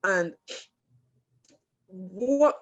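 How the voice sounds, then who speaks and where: A woman's voice: mid-range voice, animated, very slow, lo-fi sound, noisy background. A woman, a foundation founder, talking earnestly and emotionally as an interview guest over a video call, often repeating words. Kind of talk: casual interview.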